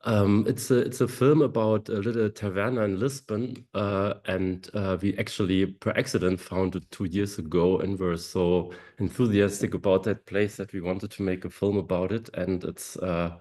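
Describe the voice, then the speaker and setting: A man's voice: low voice, fairly even intonation, normal speed, hardly any pauses, warm tone. A man, a film director, speaks at a Q&A with enthusiasm and some hesitation. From Germany. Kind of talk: Q&A panel answer.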